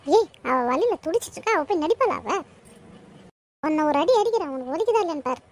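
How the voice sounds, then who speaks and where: A woman's voice: very high voice, animated, fast talker. A woman voicing a busy cartoon mother who scolds and nags her two daughters. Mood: scolding. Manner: scolding, nagging. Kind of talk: cartoon voice acting.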